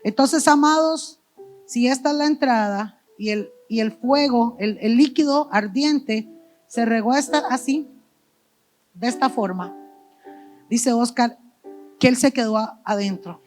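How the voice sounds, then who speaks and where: A woman with a high voice and a Costa Rican Spanish accent gives an emotional testimony to her church. She moves from loud, pleading cries to low, hushed speech and keeps addressing the listeners as "amados" and "hermanos". Soft instrumental music plays quietly behind her. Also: measured pace. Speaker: pastor's wife giving testimony.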